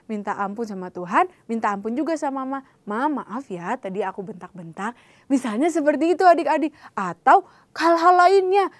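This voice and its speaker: A woman teaching Sunday school, telling a Bible story to children in a lively way and acting out the characters' lines. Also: high voice, no echo.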